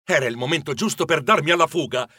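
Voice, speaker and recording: A man narrating a children's adventure audiobook with playful, expressive storytelling. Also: fairly high pitch, fast, background noise.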